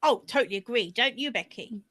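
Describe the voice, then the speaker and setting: A British woman with a slight London twang, a guest in a casual podcast chat, giving quick chatty replies. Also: a little high, lively intonation, fairly bright tone. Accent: British, a bit London.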